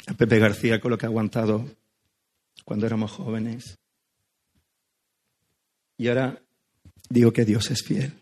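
Hoarse man preaching a sermon. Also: mid-range voice, a little mellow. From Spain. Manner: affectionate, joking, conversational preaching. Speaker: guest pastor. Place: church.

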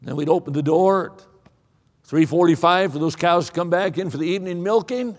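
A man delivers a sermon in a high-pitched voice that rings through a large reverberant hall. His delivery is emphatic and folksy, leaning on repetition and plainspoken storytelling. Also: a little fast. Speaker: preacher. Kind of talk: sermon with dramatic pauses and repetition.

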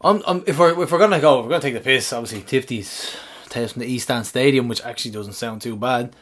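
A man's voice: mid-range voice, fast talker, fairly bright tone. A man with an Irish accent chatting casually as a podcast host, informal and full of banter. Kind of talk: casual chat.

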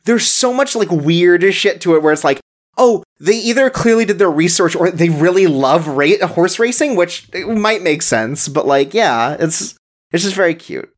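Casual podcast co-host, rambling, filler-heavy, laughs a lot, mid pitch. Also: expressive, normal speed. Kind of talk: casual chat.

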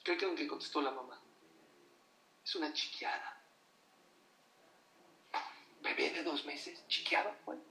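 A man's voice: a little high, a little fast, few pauses, bright, forceful tone, slight background noise. A man giving an emphatic sermon to an audience, often putting rhetorical questions to them. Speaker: religious teacher addressing an audience. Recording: echoey room, voice from far off.

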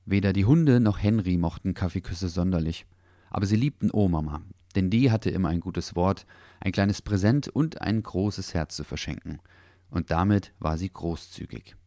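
Calm, low-voiced male storyteller. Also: moderate pace, dry recording, clean studio sound. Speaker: narrator. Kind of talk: storybook narration.

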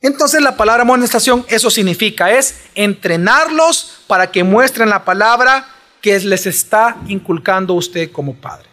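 Man, high voice, sermon, emphatic, rhetorical questions. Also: animated, moderate pace, pushed and bright. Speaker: preacher.

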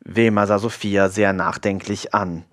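Calm man reading a novel aloud. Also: lowish voice, a little slow. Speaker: narrator. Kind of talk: audiobook reading.

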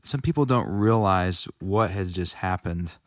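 Low-voiced man with a West Texas twang. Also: measured pace, no echo, clean studio sound. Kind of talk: casual interview conversation.

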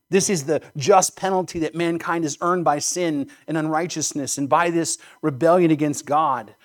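Male pastor, fairly high voice, earnest emphatic sermon delivery with rhetorical questions.

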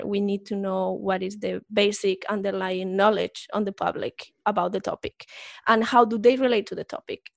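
A woman's voice: medium pitch, creaky, no echo, clean studio sound. A woman co-hosting a science podcast, explaining research in detail in a casual chat. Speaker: podcast co-host.

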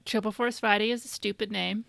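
Female podcast co-host, slow and gravelly, blunt and deadpan, dry mic. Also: medium pitch, no room sound. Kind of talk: casual chat.

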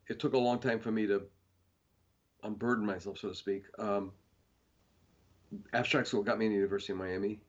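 A man's voice: lowish voice, muffled recording. A man, a painter being interviewed, talking in a rambling casual way with many fillers and restarts.

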